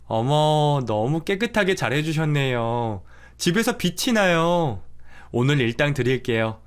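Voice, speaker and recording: A man's voice: fairly high pitch, big pitch swings, a little slow, clear, resonant tone. A man voicing a young pregnant daughter-in-law in a radio drama story, polite but unyielding. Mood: calm firm.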